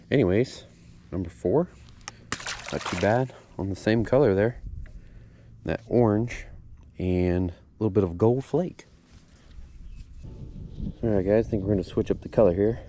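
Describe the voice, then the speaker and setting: Out on a boat, a man who hosts a fishing channel narrates his fishing in a warm voice, sounding laid-back and upbeat and saying "boom" often. The action-camera recording was made outdoors and has slight background noise.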